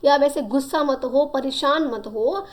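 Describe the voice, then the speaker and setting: A young woman with a high voice teaches a story lesson at an unhurried pace. She reads each English line slowly, then explains it in Hindi.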